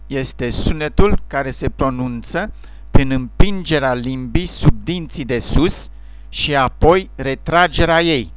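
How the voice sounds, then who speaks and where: A man's voice: mid-range voice, smooth, dry recording. Man explaining sounds, dry close voice. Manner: slow, careful, explanatory delivery. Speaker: English pronunciation teacher. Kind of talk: scripted instructional narration.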